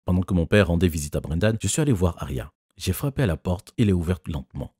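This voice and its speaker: Deep husky male narrator. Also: expressive, fast, mellow, no echo, studio quality. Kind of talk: scripted first-person narration.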